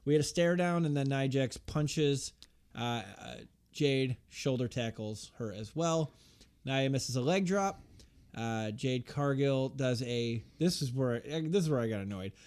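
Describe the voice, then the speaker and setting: A man in a casual podcast chat walks through a wrestling match move by move. His voice sits at an ordinary middle pitch, and he keeps dropping dry, sarcastic remarks between the moves. He uses plenty of "uh" and "like" and keeps it relaxed. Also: unhurried, smooth. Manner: loose play-by-play recap, frequent fillers, sarcastic asides. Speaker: podcast co-host recapping wrestling.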